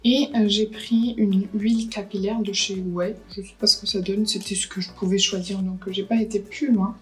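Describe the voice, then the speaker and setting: A woman's voice: mid-range voice, steady tone, moderate pace, faint music behind, poor audio. A woman, chatting casually through a beauty haul and unboxing, thinking aloud with lots of hesitations. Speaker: beauty vlogger.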